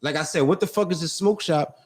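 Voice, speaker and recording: A man co-hosting a casual talk show, bantering loudly and joking with friends. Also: fairly high pitch, a little fast. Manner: loud, animated, joking banter. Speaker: co-host. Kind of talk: casual chat.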